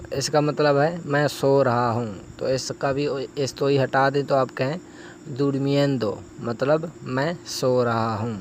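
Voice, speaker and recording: A male teacher giving a spoken lesson, pausing to say each example phrase slowly and carefully. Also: medium pitch, a little hiss or hum. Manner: slow, drawn-out modeling of example phrases. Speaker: language teacher.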